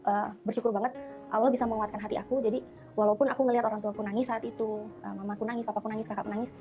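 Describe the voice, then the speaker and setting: A woman's voice: medium pitch, level tone, narrow, tinny audio, faint music behind. A woman guest in an interview telling her conversion story in a chatty way, acting out her family's words. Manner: rapid, chatty, acts out family dialogue.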